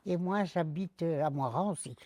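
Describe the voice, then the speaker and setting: Woman, 80s, from Algeria. Low, mellow, modest and hesitant. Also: moderate pace, no room sound. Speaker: care home resident interviewed by a child. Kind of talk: casual interview answers.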